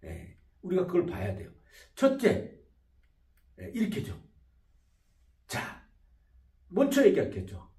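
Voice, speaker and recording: A man, a psychology professor, giving a video lecture in an animated way and acting out short example dialogues. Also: sits high, slow, pauses often. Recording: echoey room, voice from far off mic.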